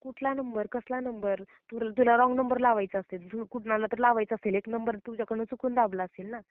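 On a narrow, tinny phone line with no room sound, a woman with a Maharashtrian Marathi accent, the recipient of a prank call, scolds emphatically and indignantly in a heated argument. Her voice is slightly high, fairly quick, and fairly even in intonation.

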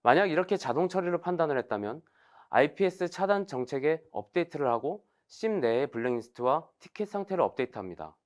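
In a measured, formal tone, a man presents a scripted technical talk, walking through each point like an explainer. His pitch is average but rises and falls noticeably.

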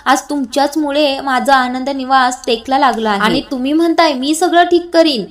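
A woman's voice: high voice, normal speed, close to an everyday voice. A woman voicing an angry, hurt young wife in a retold TV serial, speaking in a reproachful, raised voice.

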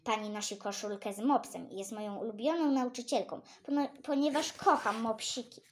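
Animated woman reading a children's story. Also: brisk, a little hiss or hum. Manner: animated, jumps high for exclamations. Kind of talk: reading a children's book aloud.

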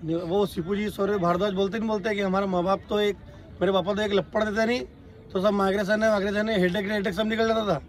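A man's voice: high-pitched, fairly even intonation, fast. A man coaching trainees at an outdoor training track, lecturing and scolding them and constantly asking whether they have understood. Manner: scolding, repeatedly asks "got it?".

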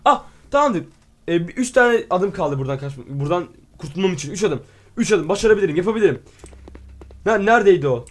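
Excitable man narrating his gameplay. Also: high voice, fast. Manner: excitable, exclaims and playfully swears at the game; reads game text aloud and translates it. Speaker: gaming video host. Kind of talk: let's play commentary.

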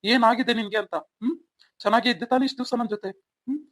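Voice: medium pitch, fast talker, fairly bright tone, no echo, close to an everyday voice. A performer voicing a devoted young husband in an audio drama who keeps coaxing with questioning hums and then snaps in anger. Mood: angry. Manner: coaxing, repeats questioning "hmm?". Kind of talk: amateur Kannada audio drama.

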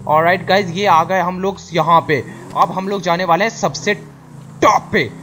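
A man giving excited live commentary over a driving game, often yelling and repeating words as the car climbs. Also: high voice, moderate pace, slight background noise. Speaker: gaming YouTuber.

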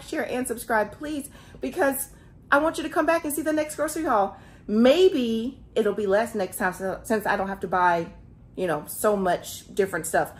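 A woman in her thirties filming a casual grocery haul vlog in her home kitchen, talking straight to her viewers on a phone camera held close. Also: fairly high pitch. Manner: chatty, animated, talks straight to viewers. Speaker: family vlogger.

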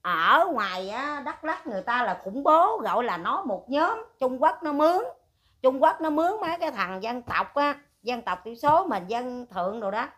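An older woman, ranting at length in a rough, scolding way and firing rhetorical questions. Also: on the high side, lively intonation, moderate pace, fairly bright tone. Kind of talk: heated casual rant.

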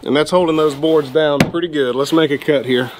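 A man, explaining his work in a relaxed, plainspoken way. He talks in an open-sided shed outdoors, recorded on a close action camera. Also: fairly high pitch, a little fast, noisy background. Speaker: homesteading vlogger. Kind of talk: casual how-to narration.

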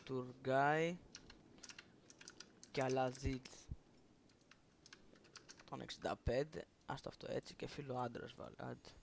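A man from Greece streaming a game, quietly mumbling and rambling to himself as he sets up a character. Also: medium pitch, steady tone, gravelly, pauses often, slight background noise. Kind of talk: casual gameplay commentary.

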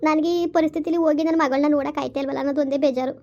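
A woman's voice: high-pitched, fairly even intonation, rapid-fire, a little mellow. A middle-aged woman playing a sorrowful, complaining village mother in an amateur drama on a lo-fi recording. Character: grieving village mother, weary, self-pitying. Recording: lo-fi dull recording.

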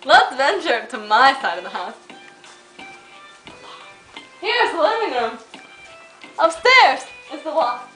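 A woman's voice: high voice, big pitch swings, takes it slowly, pauses often, bright, forceful tone, low-quality recording. A young woman giving a playful, jokey tour of her farmhouse and farmyard, filmed on a handheld camera. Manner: jokey, bubbly tour patter. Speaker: home tour guide. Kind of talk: playful home tour vlog. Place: farmhouse rooms and outdoor farmyard. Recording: music bed underneath.

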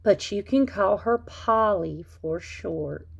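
Calm mother frog in a picture book, gentle and unhurried, read by a woman. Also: medium pitch, creaky, dull audio, heavy background noise. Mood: patient.

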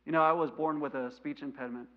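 Preaching in a church sanctuary, this thirty-something missionary man speaks with a mild stutter, moving animatedly between loud, emphatic lines and quiet asides as he gestures. His voice sits on the high side and he talks fast. It's a lo-fi recording made in the church.

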